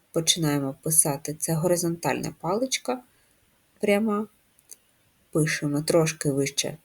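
Slow, husky-voiced woman teaching first graders. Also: low voice, darkish tone. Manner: slow, patient, clearly articulated instructions. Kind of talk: handwriting lesson for young children.

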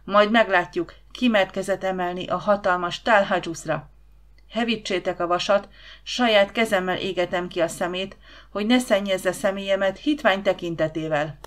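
A woman voicing a brutal, enraged green Martian male tyrant in an audiobook, shouting harshly. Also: mid-range voice, natural voice. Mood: furious. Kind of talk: audiobook character reading.

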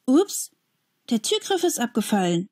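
A woman's voice: a little high, very animated, unhurried, a little mellow, voice pushed up. Woman voicing a mocking bully boy. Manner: mocking, grumbling. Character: older boy, mocking bully, sulky and gruff.

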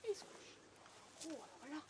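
A woman's voice: moderate pace, background noise. A woman telling a fairy tale aloud to a live audience, talking straight to her listeners. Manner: animated, addresses listeners directly. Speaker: storyteller. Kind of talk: live oral storytelling. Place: outdoors on a storytelling walk.

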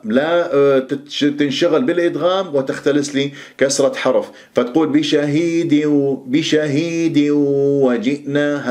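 Man, middle-aged, Quran recitation teacher, slightly high voice, quick explanations, slow recited examples. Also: darkish tone. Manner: explains rules quickly, then slowly recites and repeats words as models. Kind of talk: tajweed pronunciation lesson.

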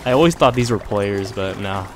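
A man's voice: fairly low pitch, lively intonation, moderate pace, a little hiss or hum. Sick young man with a stuffy nose. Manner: talks quietly under his breath, slangy. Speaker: gameplay streamer. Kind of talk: casual game commentary. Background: game music.

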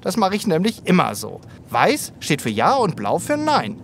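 A playful talking zebra from a children's radio play. The delivery is theatrical and self-important, with stretched words and wildly swooping pitch. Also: male voice, wildly swooping pitch, moderate pace, fairly bright tone, a little hiss or hum, full character voice. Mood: mock solemn. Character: cheerful talking zebra, playful know-it-all road safety expert. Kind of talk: children's audio drama acting.

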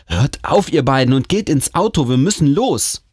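A man voicing a bossy, hurried middle-aged mother in a spooky audiobook, scolding and pushy. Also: medium pitch, lively intonation, a little mellow, breathy edge, no room sound, clean studio sound, voice pushed up.

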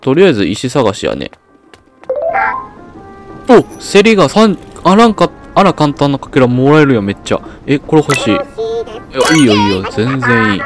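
A man's voice: medium pitch, very animated, moderate pace, pauses often, soft background music. A young man giving casual gameplay commentary, chatting to himself and reading game lines aloud. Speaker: game streamer.

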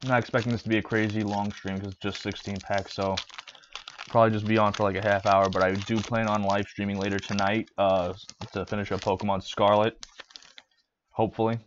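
A man's voice: lowish voice, flat delivery, fairly quick, lo-fi sound, slight background noise. A man live-streaming as he opens trading card packs, chatting casually and listing card names with fillers and restarts.

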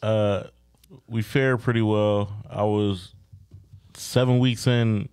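A man co-hosting a casual podcast chat, laid-back and halting, swearing casually. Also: on the low side, fairly even intonation, a little mellow, smooth, no room sound, clean studio sound. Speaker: podcast co-host. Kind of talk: casual chat among friends.

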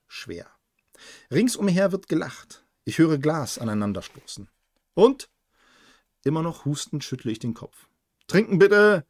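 A man's voice: fairly high pitch, darkish tone, no room sound, clean studio sound. A man co-hosting a livestream, reading a novel aloud with small stumbles and self-corrections.

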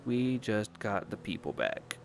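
A man chatting casually over his gameplay, rambling and stopping himself mid-thought. His voice sits fairly low but moves a lot, rising and falling as he talks. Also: sing-song, a little slow, creaky, noisy background. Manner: rambling, chatty, self-interrupting. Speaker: gameplay commentator.

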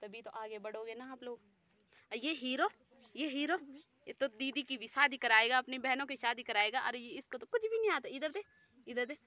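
A woman's voice: sits high, expressive, normal speed, sharp tone, dry recording. A woman vlogger chatting with children outdoors, teasing and scolding them in a friendly way. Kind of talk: casual chat. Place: outdoors in a hill village.

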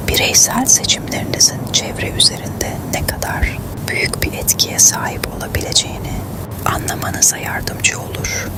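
A narrator reading a script in a hushed, breathy ASMR whisper, quiet as if late at night.

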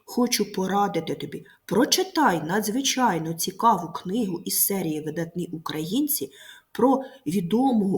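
A woman teacher giving a recorded grammar lesson to pupils, speaking clearly and slowly, stressing each word. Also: mid-range voice.

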